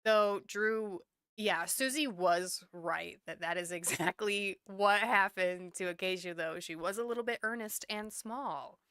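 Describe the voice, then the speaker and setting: A woman hosting a casual recap podcast, chatty and quick to laugh. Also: mid-range voice, a bit bright, clean tone, no room sound, studio quality. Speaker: podcast host.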